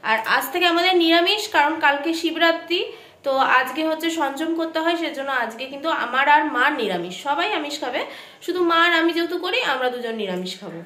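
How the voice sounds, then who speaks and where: A high-pitched young woman with a West Bengal Bengali accent chats warmly and easily to her viewers, as if they were beside her. She films herself at home on a handheld phone, narrating her day in a casual family vlog and gently coaxing her small child. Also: expressive, quick pace. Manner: chatty, talks straight to viewers, coaxes her child. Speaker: family vlogger. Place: home, indoors.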